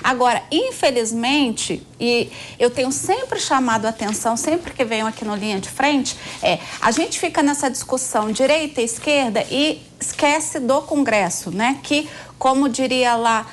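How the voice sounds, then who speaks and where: A Brazilian woman comments on a political panel. Her voice sits high and she explains earnestly, pausing on fillers. A faint hiss of background noise stays under her voice. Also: lively intonation. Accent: Brazilian Portuguese.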